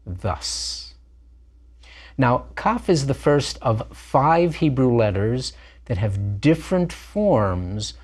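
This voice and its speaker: A man's voice: medium pitch, a little mellow. A man teaching a language lesson, explaining letters patiently and step by step. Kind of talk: recorded lesson narration.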